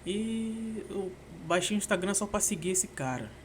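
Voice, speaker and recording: A young man from Brazil talks alone on his podcast in a loose, rambling way, tossing in swear words and slang fillers. His voice sits high for a man. A faint hum of background noise runs under the recording. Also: expressive, moderate pace. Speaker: podcast host. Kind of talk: casual solo podcast monologue.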